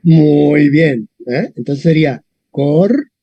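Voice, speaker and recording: A man teaching a classroom lesson, talking in a lively way and often adding tag questions. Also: on the high side, normal speed, slightly rough, dry recording. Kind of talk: classroom lesson on Latin stress. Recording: dull, dry lo-fi sound.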